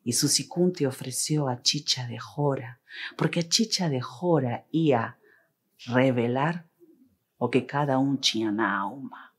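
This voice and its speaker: Slow husky woman storyteller. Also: extremely low pitch. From Peru. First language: Spanish. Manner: deliberate, rhythmic, theatrical phrasing. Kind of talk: dramatic oral storytelling.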